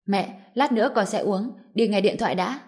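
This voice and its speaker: A woman's voice: mid-range voice, a little mellow, lightly acted. A woman voicing a busy young mother who talks hurriedly in a storybook. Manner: hurried, brushing off.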